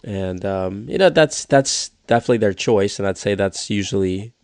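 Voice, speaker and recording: A man who treats patients, speaking in a relaxed, measured way in a casual discussion. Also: fairly low pitch, no room sound, studio quality.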